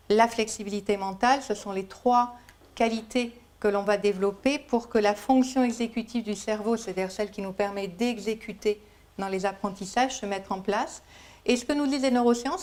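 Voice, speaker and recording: A woman's voice: medium pitch, darkish tone. A woman giving a conference lecture, explaining patiently and working through everyday examples. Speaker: lecturer at a Montessori school conference.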